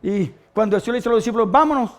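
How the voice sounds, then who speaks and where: A man's voice: high voice, steady tone, racing, a little mellow. A man preaching a sermon as pastor, fervent and stopping often to give praise.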